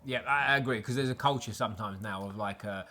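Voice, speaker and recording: A quick, rapid-fire man hosts a casual podcast. He ribs his guest constantly, keeping the banter loose and playful. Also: mid-range voice, pushed and bright, slight background noise. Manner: teasing, banter-heavy. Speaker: podcast host. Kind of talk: casual chat.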